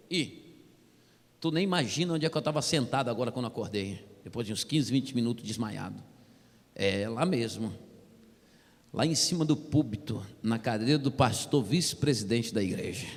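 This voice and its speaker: A man with a Brazilian accent giving a humorous church testimony, animated and constantly addressing the listeners as brother. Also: medium pitch. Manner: animated storytelling, keeps calling listeners "brother". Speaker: testimony speaker. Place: church hall. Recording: reverberant church hall.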